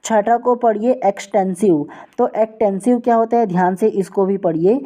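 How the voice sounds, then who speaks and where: Mellow-voiced woman teaching an exam class. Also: medium pitch. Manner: reads definitions slowly, then explains them step by step; repeats the question "what will we call it?" before each answer. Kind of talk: online exam-prep lesson.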